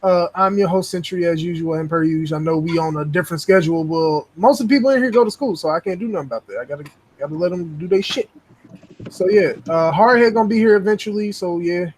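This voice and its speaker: A young man hosting a gaming podcast, talking loosely and profanely, telling animated stories. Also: high voice, fast, slight background noise. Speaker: podcast host. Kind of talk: casual gaming podcast chat.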